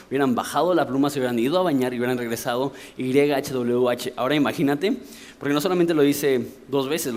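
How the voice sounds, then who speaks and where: A man's voice: medium pitch, a little mellow. A Mexican man preaching a sermon from the pulpit, explaining things in a conversational way and asking rhetorical questions. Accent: Mexican Spanish. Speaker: pastor.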